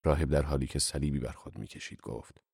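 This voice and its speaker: Calm low-voiced male narrator. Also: creaky, breathy edge, no room sound, clean studio sound. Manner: measured, calm storytelling. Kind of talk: first-person audiobook narration.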